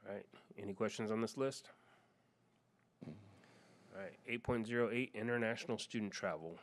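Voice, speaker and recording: A man chairing a board meeting, moving through agenda items in a brisk, procedural way. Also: on the low side.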